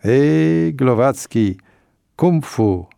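A man voicing a hot-tempered, bullying police sergeant who shouts threats in an audiobook story. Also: mid-range voice, lively intonation, gravelly, smooth, no room sound, clean studio sound, pitched above the performer's own voice. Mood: impatient, pushy.

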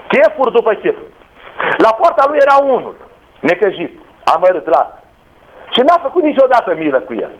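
High-pitched guy preaching hard, shouts now and then, muffled lo-fi with faint hiss. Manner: impassioned, rising to shouts, retelling scripture with quoted voices. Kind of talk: sermon. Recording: dull lo-fi sound with faint noise.

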